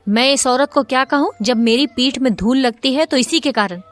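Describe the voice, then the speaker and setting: A woman's voice: high voice, moderate pace, faint music behind, voice pushed up, lightly acted. Woman doing a stern, weary peasant man. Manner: stern, scolding. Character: weary middle-aged peasant man, restrained.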